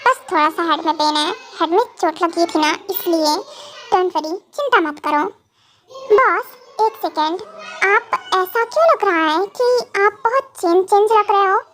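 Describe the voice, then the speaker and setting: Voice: extremely high pitch, measured pace, a bit bright, slight background noise. A reader voicing a vengeful, possessive young male mafia boss in an amateur fan dub, talking in a brooding, threatening way. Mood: anxious bossy. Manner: brooding, threatening, then fussing.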